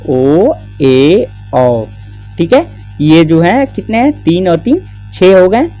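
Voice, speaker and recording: A man teaches a grammar lesson in a casual, conversational way, often posing a question and then answering it himself. His voice sits a little high but sounds mellow and soft-edged. Faint music plays underneath. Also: rough recording. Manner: explains step by step, asks and answers his own questions; casual, repeats "theek hai" and "na" as checks. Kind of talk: exam-prep grammar lesson.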